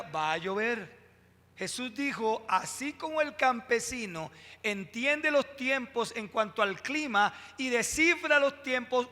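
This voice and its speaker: A high, bright male voice, preaching to his congregation. He pushes key words with rising emphasis and drops into pauses and direct asides. The sound rings with a long church reverb. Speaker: pastor. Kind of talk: sermon. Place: church sanctuary.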